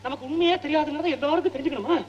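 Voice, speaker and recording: A man's voice: very high-pitched, muffled recording. An actor playing a wisecracking, poor male tour guide, bantering in a film comedy. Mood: cheeky. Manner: joking, rapid banter. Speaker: tourist guide.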